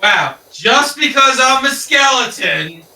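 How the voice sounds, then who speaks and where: A man's voice: very high voice, expressive, takes it slowly, gravelly, distant mic, noisy background. A man chatting with friends on a game stream, joking about himself and swearing freely. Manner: self-deprecating, jokey, swears. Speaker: guest streamer playing along. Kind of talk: casual chat with friends while gaming. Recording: roomy echo, voice set back from the mic.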